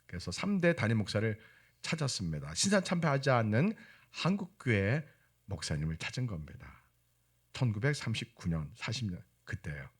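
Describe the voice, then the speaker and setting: A male pastor preaching a sermon in a church, animated, often acting out the voices of people in his stories. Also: fairly low pitch, moderate pace, husky.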